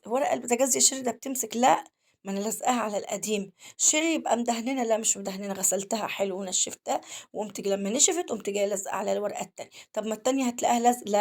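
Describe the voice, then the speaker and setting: A woman's voice: a little high, creaky, a little mellow. A woman with an Egyptian accent vlogging at home, telling a story to her viewers as she cleans and talking to them directly. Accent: Egyptian Arabic. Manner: talks fast, keeps addressing viewers directly. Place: at home, in the kitchen.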